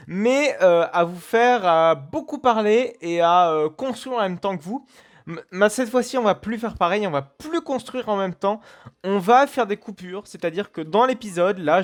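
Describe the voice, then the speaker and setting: A man hosting a let's play, giving casual, rambling commentary full of fillers and restarts. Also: sits high.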